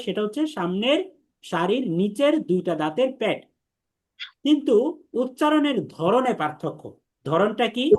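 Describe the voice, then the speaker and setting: In this online lesson on the Arabic alphabet, a male Quran teacher speaks in a high voice. He takes his time repeating every letter sound and guides his students through practice drills.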